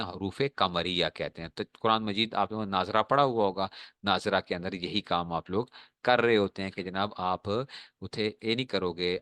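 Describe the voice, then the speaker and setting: A male teacher giving a classroom lesson, often checking whether students have understood and drawing out example words slowly. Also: deep voice, a bit bright, no echo.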